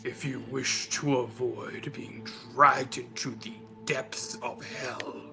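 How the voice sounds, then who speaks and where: A man playing a tabletop character who speaks in a demonic whispering voice, drawn out slowly with a gravelly, breathy tone. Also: medium pitch, fairly even intonation, music in the background. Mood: menacing. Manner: slow, drawn-out threats. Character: menacing demonic voice of a patron-aided warlock. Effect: demonic whispering voice, as if speaking with a patron. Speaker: player. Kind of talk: tabletop role-play character voice.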